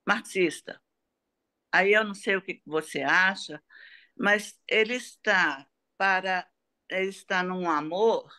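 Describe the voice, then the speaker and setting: A Brazilian woman speaks very slowly at a medium pitch. She is thinking aloud as a seminar speaker, halting between short phrases and seeking agreement as she goes. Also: a bit bright. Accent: Brazilian Portuguese. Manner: reflective, halting, seeking agreement with tag questions. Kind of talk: unscripted seminar talk.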